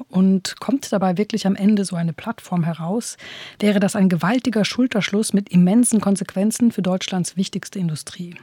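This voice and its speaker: A woman hosting a talk podcast, presenting the topic and questioning her co-host in a clear, measured way. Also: mid-range voice, mellow, dry recording. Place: studio.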